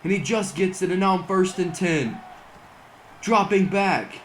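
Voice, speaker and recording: Calling a football video game like a sports announcer, a young gaming channel host speaks at a measured pace in a slightly high voice that's starting to give out. Big plays push him toward shouting, and faint hiss sits under the recording.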